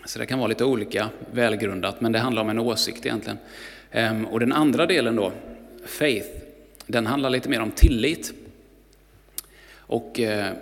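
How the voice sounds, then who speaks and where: A man preaching a sermon to a congregation, telling a story slowly and calmly with pauses. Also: lowish voice, vocal fry, long reverb tail. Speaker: pastor.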